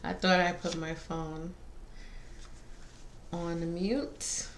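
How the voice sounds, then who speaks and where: A woman giving a casual spiritual card reading to viewers, pausing between phrases. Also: on the low side, flat delivery. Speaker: tarot and oracle card reader. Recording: faint background noise.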